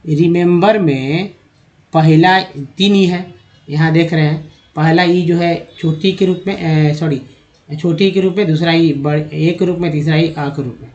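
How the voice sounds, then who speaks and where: A man with a Hindi accent takes learners through English spelling and sound, spelling each word out letter by letter with patience. His voice sits a touch high for a man. The recording sounds dull and lo-fi, with the top end muffled. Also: fairly even intonation, unhurried, darkish tone. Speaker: English pronunciation teacher. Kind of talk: slide-based spoken lesson.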